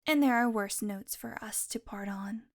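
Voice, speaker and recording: A woman's voice: medium pitch, moderate pace, close to an everyday voice. A woman playing a haughty, sardonic female vampire on the run in an audio roleplay, teasing and exasperated as she talks straight to the listener. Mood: matter-of-fact, wry. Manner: sarcastic, teasing, exasperated sighs.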